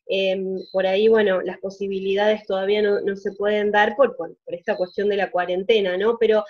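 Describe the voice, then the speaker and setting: A woman's voice: medium pitch, flat delivery, normal speed, muffled recording. A woman hosting an interview, asking long, winding questions and nodding along with short "ujú"s. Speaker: interviewer, host. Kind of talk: conversational interview.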